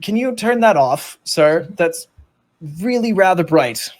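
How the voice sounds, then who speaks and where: A man's voice: sits high, lively intonation, measured pace, pitched above the performer's own voice. A man voicing a rotund floating robot keeper who talks in a prim, overly polite way.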